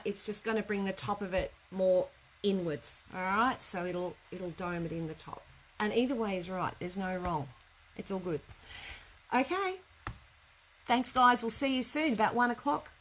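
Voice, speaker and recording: A woman's voice: mid-range voice, normal speed, fairly bright tone, low-quality recording. A middle-aged woman chats informally and a bit ramblingly as she teaches a live craft class. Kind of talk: casual live tutorial chat. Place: indoor craft studio workroom. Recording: noticeable room background noise.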